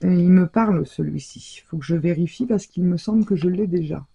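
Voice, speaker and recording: Husky, low-voiced woman chatting through a craft haul. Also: a little fast, mellow. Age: middle-aged. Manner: chatty, hesitant, full of fillers and self-corrections. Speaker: crafting vlogger showing a shopping haul. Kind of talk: casual haul presentation.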